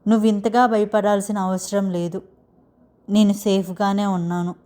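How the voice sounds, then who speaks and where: A woman reading the lines of a calm, confident young wife in a story, gently reassuring. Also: medium pitch, normal speed, close to an everyday voice.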